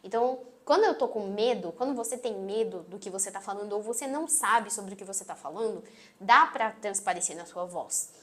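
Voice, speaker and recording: A woman with a Brazilian accent and a sweet, gentle voice, teaching an online course lesson and closing her phrases firmly. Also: mid-range voice, expressive, a little fast. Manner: emphatic, closes phrases firmly. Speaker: marketing instructor. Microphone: phone on tripod.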